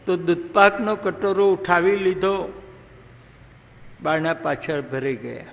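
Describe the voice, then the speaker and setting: High gravelly devotional storyteller. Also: male voice, slow, in a large hall. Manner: dramatic, chants verses in song. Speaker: religious storyteller. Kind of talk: devotional story narration with chanting.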